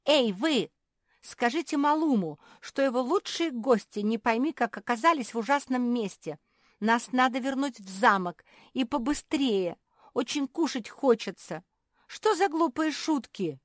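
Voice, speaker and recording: A woman's voice: high voice, lively intonation, measured pace, dry recording, studio quality, pitched above the performer's own voice. A woman voicing a spoiled, irritable female pug who squeals and huffs. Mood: demanding. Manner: squealing, huffy and capricious.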